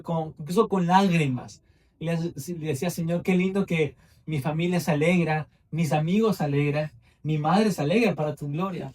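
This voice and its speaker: A young man preaches with fervor, building his phrases through repetition. His voice sits fairly high but has a dark, mellow tone. He is heard from a distance, picked up by a mic in a church. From Ecuador. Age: 20s. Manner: fervent, repetitive phrasing with rising emphasis. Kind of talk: sermon.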